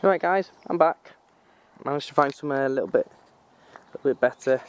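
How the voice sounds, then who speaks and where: This young North Welsh vlogger, carrying a slight Manchester accent, rambles informally while recording outside on a handheld camera, fixing his own words along the way. He talks at normal speed in a mid-range voice, with slight background noise.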